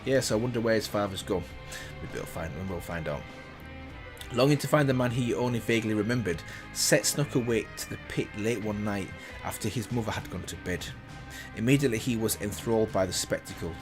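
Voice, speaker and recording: A man with a fairly low voice reads a text aloud quickly as a reaction video host, breaking off now and then for casual comments of his own. Loud music plays in the background.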